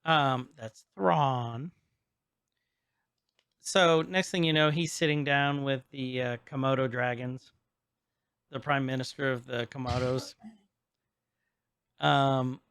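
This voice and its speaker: A man's voice: mid-range voice, steady tone, slow pace, long pauses, a bit bright, clean tone, dry recording, studio quality. A man co-hosting a podcast, casually recapping a show, rambling, laughing often and stumbling over names. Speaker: podcast co-host. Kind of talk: casual chat recapping an episode.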